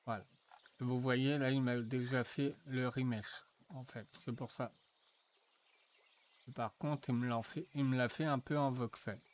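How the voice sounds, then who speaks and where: Guy doing a software tutorial, slow and hesitant, lots of ums, mid voice. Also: mid-range voice, steady tone. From France. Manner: slow, hesitant, thinking aloud with many fillers. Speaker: tutorial presenter. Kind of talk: screen-recorded software tutorial.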